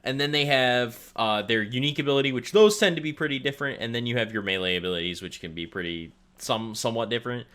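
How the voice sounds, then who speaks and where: A man co-hosting a podcast, chatting casually about video games and jumping into high-pitched exclamations. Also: fast, few pauses, a bit bright. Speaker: podcast co-host. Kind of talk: casual gaming chat.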